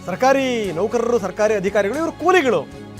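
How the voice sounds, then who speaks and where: A man's voice: high-pitched, expressive, normal speed, faint music behind. A man giving impassioned, indignant news commentary as an anchor, full of rhetorical questions and emphatic repetition.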